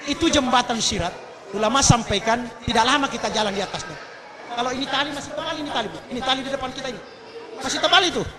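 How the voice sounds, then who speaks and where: Fervent high-voiced preacher. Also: male voice, rapid-fire. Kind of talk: sermon at a mass religious gathering. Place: large public gathering. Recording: crowd audible behind the voice.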